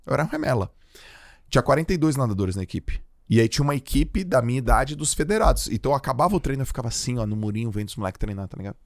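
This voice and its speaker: A man from Brazil, a podcast guest, telling stories in a casual, slangy, animated way. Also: medium pitch, very fast, no room sound, studio quality. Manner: slangy, animated, acts out quoted voices.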